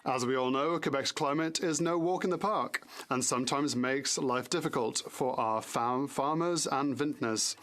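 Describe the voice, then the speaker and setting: Guy interpreting parliament speeches, normal mid pitch, formal wording. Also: normal speed, hardly any pauses, a bit bright. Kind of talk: formal rendering of prepared statements.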